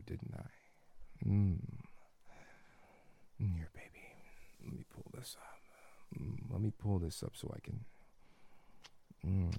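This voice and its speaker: Deep, breathy, gravelly murmuring man. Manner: murmuring, many soft hums, half-whispered. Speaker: audio roleplay performer. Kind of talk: intimate whispered audio roleplay.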